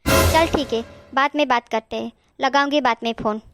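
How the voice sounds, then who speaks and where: A woman's voice: high-pitched, steady tone, normal speed, music in the background, voice pushed down. A woman voicing a blunt, stingy middle-aged aunt who talks in a scolding, dismissive way.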